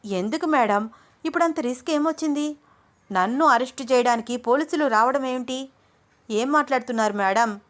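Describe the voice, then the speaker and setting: A woman's voice: sits high, normal speed, pitched above the performer's own voice, close to an everyday voice. A woman voicing a nervous, confused young female assistant who answers deferentially.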